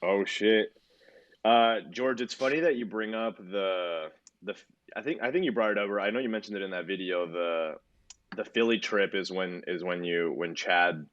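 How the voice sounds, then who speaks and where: A podcast co-host in his twenties tells a long, meandering story in casual chat, swearing heavily and using plenty of filler words. His voice is low and fairly bright at a normal speed, captured on a muffled recording.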